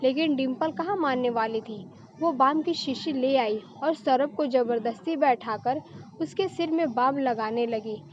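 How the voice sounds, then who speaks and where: A woman narrating a story in a steady, plain telling style. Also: sits high, measured pace, highs cut off, a little hiss or hum.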